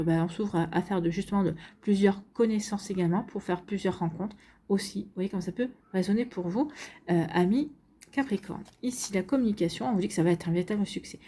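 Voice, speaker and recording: A woman's voice: mid-range voice, warm tone. Chatty French-speaking woman reading tarot. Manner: chatty, many fillers and repeated "donc ici". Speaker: tarot card reader. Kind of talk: casual tarot reading to camera.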